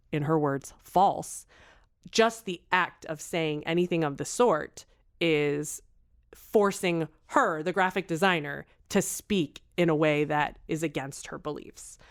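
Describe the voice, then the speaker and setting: A woman's voice: low-pitched, measured pace, smooth. A woman co-hosting a podcast, discussing court rulings in a sarcastic, emphatic way. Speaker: podcast co-host. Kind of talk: casual legal discussion.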